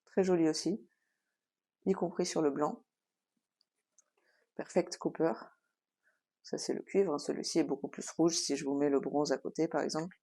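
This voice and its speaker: A woman's voice: low-pitched, vocal fry, dark tone, breathy edge. A woman hosting a casual craft tutorial, explaining at an easy pace with frequent hesitations and filler sounds. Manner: chatty, explanatory.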